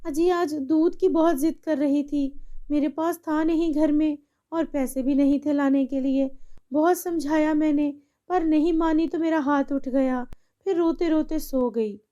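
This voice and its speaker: Woman playing a meek, poor cartoon maid, very high and mellow voice. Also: steady tone, measured pace. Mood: humble. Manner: pleading, humble. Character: poor humble young maid, mother.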